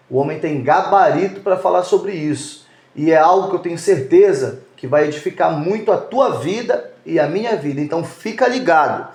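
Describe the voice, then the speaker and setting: Man, high voice, upbeat podcast host, echoey room. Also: a little mellow. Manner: upbeat and chatty, drawn-out greetings.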